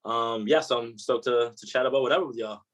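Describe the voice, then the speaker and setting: A man guesting on a podcast as a musician, relaxed and casual, sprinkling in "you know". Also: medium pitch, fast talker. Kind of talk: casual interview chat.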